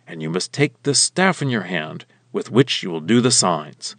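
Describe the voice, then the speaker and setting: A man voicing a stern, commanding male god in a slow, weighty scripture reading. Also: sits low, sing-song, a bit bright, no room sound, pitched below the performer's own voice, full character voice.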